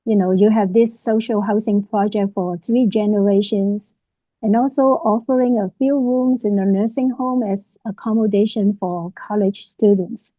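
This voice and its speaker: A woman's voice: mid-range voice, fairly even intonation, moderate pace, warm tone, no room sound, rough recording. A woman moderating a webinar on a video call, closing with thanks and frequent "you know" fillers.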